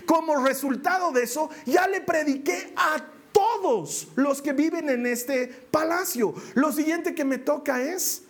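A preacher playing the apostle Paul as a joyful, defiant prisoner speaking boldly in the first person during a sermon. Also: male voice, very high-pitched, a little slow, voice pushed up. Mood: triumphant. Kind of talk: sermon role-play.

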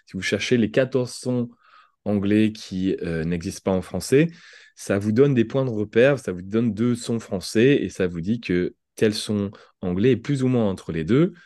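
A French man with a low, mellow voice explains pronunciation ideas in an unhurried conversational way, often restarting a phrase as he thinks. The sound is close and dry, with no room around it. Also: no echo. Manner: thoughtful, explains with examples and restarts. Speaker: podcast guest, language entrepreneur. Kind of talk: conversational interview.

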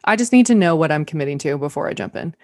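Female podcast co-host, low-pitched, wry and playful, dry close sound. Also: animated, a little mellow, no room sound. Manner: wry, playful, quick asides. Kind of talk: casual chat.

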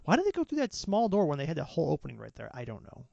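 A podcast co-host with a fairly high, mellow voice talks rapid-fire with huge pitch swings and vocal fry, without echo. He chats casually while watching wrestling, rambling and interrupting himself with lots of restarts. The audio is dull and lo-fi.

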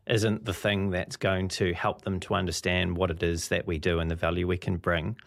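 A man hosting an interview, asking long, measured questions and quoting his guest. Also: low voice, level tone, creaky. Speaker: interviewer, host.

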